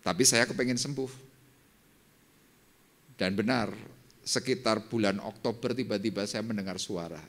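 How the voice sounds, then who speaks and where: An older man, a pastor, preaching a sermon and telling his own testimony, dropping to low murmurs and rising to loud, high exclamations. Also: moderate pace, pauses often. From Indonesia. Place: church service.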